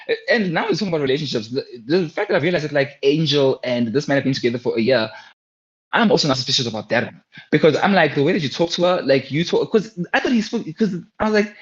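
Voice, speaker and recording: A young man from South Africa co-hosting a casual reality TV review chat, chatty and playful, full of fillers. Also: medium pitch. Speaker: co-host of a reality TV review show. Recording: dull lo-fi sound.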